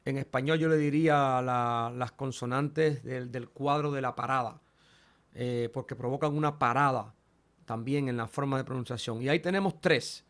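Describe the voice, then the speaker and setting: A man's voice: medium pitch, normal speed, a bit bright. A man teaching a Greek lesson, modeling each letter's sound aloud and speaking directly to his students. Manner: addresses students directly, repeats key points. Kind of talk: online language lesson.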